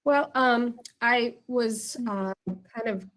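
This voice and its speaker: A woman's voice: fairly high pitch, takes it slowly. A woman from the United States answering questions on a video call, hesitant and full of fillers. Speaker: workshop participant. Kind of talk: casual conversation on a video call.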